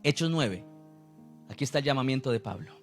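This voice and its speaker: A man's voice: mid-range voice, expressive, fairly quick, creaky, soft background music. A man, preaching a sermon as a pastor, who acts out the people he quotes.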